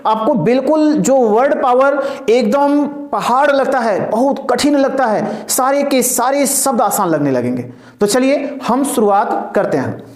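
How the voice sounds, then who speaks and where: A man's voice: very high-pitched, lively intonation, measured pace. A man teaching an English vocabulary lesson. He repeats his points, asks questions and answers them himself, calls his listeners "dear", and drills pronunciation call-and-response style. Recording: echoey room.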